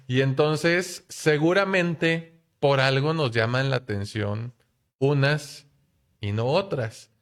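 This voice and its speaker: A man's voice: mid-range voice, takes it slowly. A man hosting a casual podcast chat in a playful, chatty way. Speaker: podcast host.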